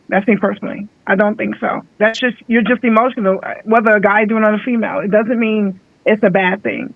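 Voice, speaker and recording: High-voiced man on a tinny phone line. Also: vocal fry, no echo. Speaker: co-host. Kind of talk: casual chat. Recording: thin phone-like line, dry.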